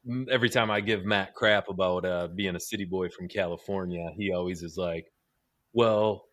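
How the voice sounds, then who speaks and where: A man co-hosting a podcast, teasing a fellow host in a playful, animated way and laughing often. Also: sits low, moderate pace. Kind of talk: casual podcast chat.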